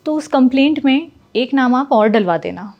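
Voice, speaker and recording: A woman playing a patient young daughter-in-law who speaks gently and pleadingly to her family. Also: high voice, expressive, moderate pace, dull audio. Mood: accusing. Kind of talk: Hindi short film acting.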